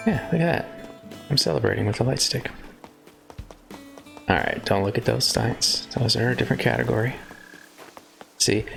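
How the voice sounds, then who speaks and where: A man's voice: lowish voice, vocal fry, fairly bright tone. A man chatting casually on a live stream, rambling and breaking off mid-sentence to joke. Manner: chatty, rambling, self-interrupting. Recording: faint guitar music behind.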